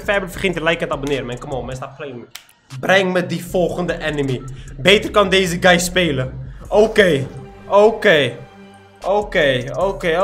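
A man's voice: sits high, fairly bright tone. A young man giving boastful, trash-talking commentary over his own gameplay. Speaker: gaming YouTuber.

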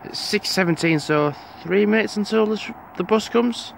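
A young man rambles chattily to a handheld camera while walking a quiet street outdoors before dawn, in a casual walking vlog. His voice is high-pitched and creaky at a moderate pace, and the rough recording has slight background noise.

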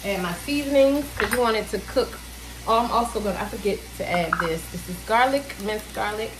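A woman in her thirties, a cooking vlogger, casually narrates a cook-along at home, thinking out loud with fillers in a mid-range, fairly quick voice. A camera on the counter picks her up indoors in an echoey kitchen, with food sizzling in a pan.

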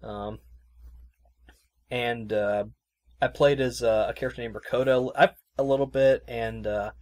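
A man's voice: mid-range voice, steady tone, a little slow, darkish tone. Rambling, easygoing man on a podcast. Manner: rambling, loose and conversational with many fillers. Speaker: podcast host reviewing a video game. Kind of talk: casual chat.

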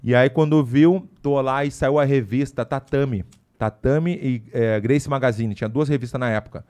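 A man, a podcast guest, telling a story casually in an animated, slangy way with lots of asides. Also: mid-range voice, normal speed.

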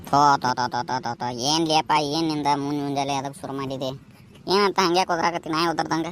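A man's voice: on the high side, steady tone, a little fast, fairly bright tone, slight background noise, close to an everyday voice. Cartoon role: a man doing a dismissive village father with a North Karnataka Kannada accent, offhand and curt. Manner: brushes off with curt "le" calls. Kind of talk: cartoon voice acting.

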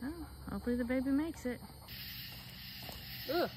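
A woman filming birds in her yard on a phone, quietly narrating what she sees in a casual way. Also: high-pitched, normal speed, noisy background. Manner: softly commenting while filming wildlife. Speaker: homestead vlogger. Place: outdoors in a yard by a house. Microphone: phone camera held by the speaker.

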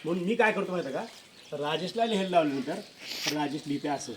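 A man's voice: fairly high pitch, lively intonation, fast talker, noisy background. A male school teacher giving a classroom lesson to children, repeating questions and coaxing pupils to answer. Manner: repetitive questioning, coaxing pupils with filler prompts.

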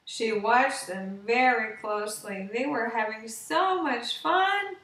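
A high-voiced woman slowly reads a children's bedtime story aloud, her narration simple and her tone a bit bright. She's in a living room with a sofa and window, recorded on a webcam at arm's length or more. The sound is roomy and distant, with slight background noise.

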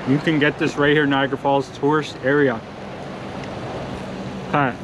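A man's voice: medium pitch, little pitch movement, normal speed. A man reviewing pizza while chewing, speaking in short enthusiastic verdicts. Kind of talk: casual food review vlog. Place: outdoors by a busy street. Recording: outdoor traffic noise.

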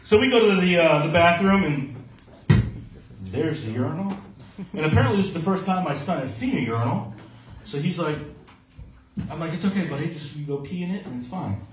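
A man in his thirties tells profane stand-up stories with a high, lively voice that swings all over the place. He's recorded from out in the audience of a small club, so the sound is distant and echoey. Loud laughter from the crowd keeps cutting in. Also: brisk, pauses often, background noise. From Maryland. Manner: brash, profane storytelling, acts out quoted voices. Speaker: stand-up comedian. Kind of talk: stand-up comedy set. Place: small comedy club stage, indoors. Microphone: handheld mic, filmed from the audience.

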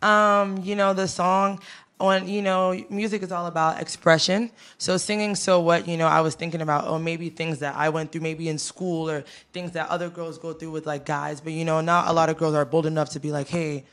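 A young female singer, born in Ghana and raised in the United States, speaks in a low, slightly bright voice with little pitch movement at a moderate pace. She answers interview questions casually and easygoingly, using lots of fillers like "you know" and "um." She holds a handheld mic close to her mouth in a studio with a teal backdrop.

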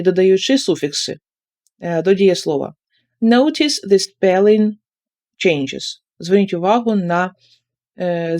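A woman's voice: medium pitch, dark tone. A woman English teacher with a Ukrainian accent, leading an online textbook lesson and repeating each instruction in Ukrainian. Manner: explains each step, then repeats it in Ukrainian.

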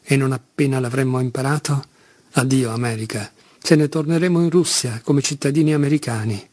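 A man's voice: medium pitch, darkish tone, husky, no room sound, lightly acted. A man voicing a passionate, self-loathing young Russian convict who pleads and reproaches himself, in an audiobook reading.

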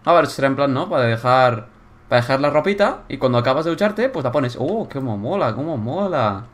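A young man with a Spain Spanish accent giving casual gameplay commentary on a viewer's build, excitable and bursting into loud exclamations. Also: medium pitch, quick pace. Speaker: YouTuber touring viewer builds.

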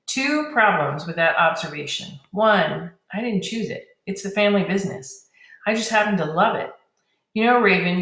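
A woman's voice: medium pitch, a bit bright, natural voice. A woman voicing an earnest, wistful young man who trains dragons, speaking in a heartfelt way, in a storybook reading. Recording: roomy echo.

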